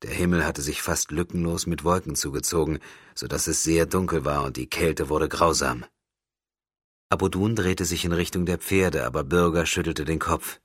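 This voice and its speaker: A man reading a fantasy audiobook in a steady, measured way. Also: rumbling low, breathy edge, no echo, clean studio sound. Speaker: audiobook narrator. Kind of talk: scripted fantasy narration. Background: faint music.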